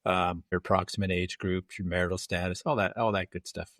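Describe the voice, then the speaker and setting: A man's voice: low-pitched, flat delivery, fairly quick, fairly bright tone, dry recording, studio quality. A man hosting an interview podcast, talking casually and conversationally with small restarts. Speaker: podcast host.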